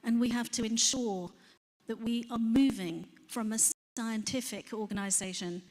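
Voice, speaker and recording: A woman's voice: fairly high pitch, fairly even intonation, normal speed, a little mellow. A woman from Ethiopia giving a closing speech at a conference. She is direct, plain-spoken and rallying. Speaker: conference speaker.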